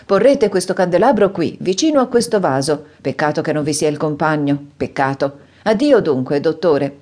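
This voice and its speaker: A woman's voice: low voice, expressive, moderate pace, darkish tone. A woman reading an audiobook voices an eager, effusive young man who pleads rapturously. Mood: gushing.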